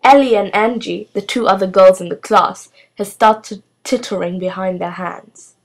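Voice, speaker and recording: A woman reading a children's novel aloud in a steady, clear storytelling manner. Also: medium pitch, moderate pace. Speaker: storybook reader.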